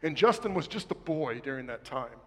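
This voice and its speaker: A man preaching a sermon, swinging between loud emphatic lines and hushed, slowed words. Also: mid-range voice, sing-song, long reverb tail. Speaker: pastor.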